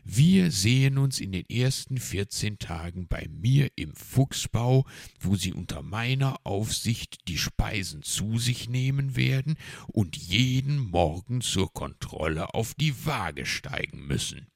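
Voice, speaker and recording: A man's voice: on the low side, very animated, slow, gravelly, dry recording, clean studio sound, pitched above the performer's own voice, exaggerated voice. A man voicing a strict, fussy fox in a children's audiobook, firm and precise.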